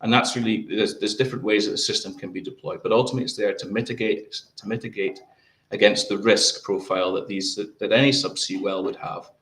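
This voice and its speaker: A male guest answering interview questions in a halting way, often repeating words as he explains. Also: lowish voice, fairly even intonation, a bit bright, roomy sound.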